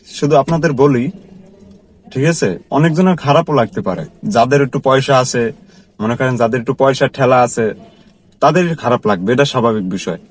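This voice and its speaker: A man's voice: mid-range voice, lively intonation, moderate pace, slightly rough. A man who works as a car driver, telling a personal story to his viewers in an earnest, repetitive, conversational way. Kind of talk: casual storytelling vlog.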